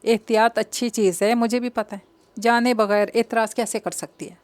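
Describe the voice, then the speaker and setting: A woman's voice: on the high side, fairly even intonation, normal speed, no room sound, natural voice. A woman reading the part of an irritable, proud young man in an audio novel, talking indignantly. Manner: indignant, sharp-tongued.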